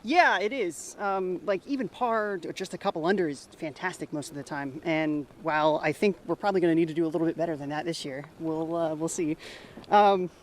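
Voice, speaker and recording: A woman's voice: deep voice, brisk, a little hiss or hum. A woman athlete chatting informally and a little hesitantly in an outdoor interview. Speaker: competing athlete. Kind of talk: casual on-course interview. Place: outdoors, walking on a fairway.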